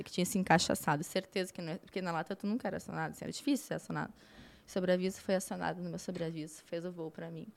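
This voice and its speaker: A woman, a flight attendant, telling a story in a lively, casual way, often repeating words for effect. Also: lowish voice, gravelly.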